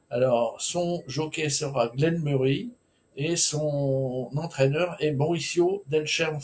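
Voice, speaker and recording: A man's voice: medium pitch, a little mellow. A man giving a solo horse racing preview, talking in a hesitant, chatty way with frequent filler sounds and restarts. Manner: informal, chatty asides.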